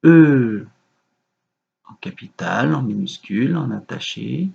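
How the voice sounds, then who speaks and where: A man teaching young children a remote lesson, giving slow, patient, gentle instructions. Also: mid-range voice, lively intonation, creaky, breathy edge, dull audio. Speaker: kindergarten teacher.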